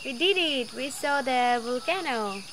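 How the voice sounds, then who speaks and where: A woman's voice: high-pitched, expressive, unhurried, noisy background. Woman explaining simply at an outdoor cafe. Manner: explains simply, in short plain sentences. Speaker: travel vlogger. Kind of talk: casual vlog chat.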